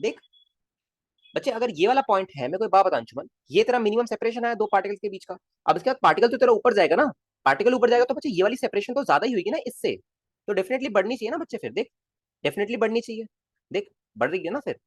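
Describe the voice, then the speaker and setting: A man's voice: high voice, expressive, fast talker, no room sound. A male physics teacher in a casual live class, coaxing his students with constant questions and calling them kids. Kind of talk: live online class lecture.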